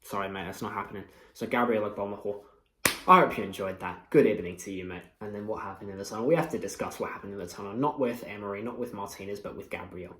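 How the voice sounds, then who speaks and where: A man's voice: fairly low pitch, fast, bright, forceful tone, reverberant, slight background noise. A young man giving a passionate, mocking post-match reaction as a fan channel host. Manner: passionate, swearing, mocking rivals.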